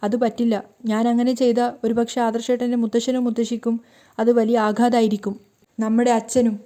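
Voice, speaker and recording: A woman's voice: fairly high pitch, level tone, fairly quick, warm tone, lightly acted. A woman voicing a hurt, tearful young married woman who pleads and scolds.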